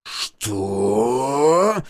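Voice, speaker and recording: A man's voice: medium pitch, huge pitch swings, measured pace, darkish tone, no echo, clean studio sound, heavily acted. A man voicing a commanding general in his fifties, roaring over a phone line in an audiobook. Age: 50s. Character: roaring older male general on speakerphone.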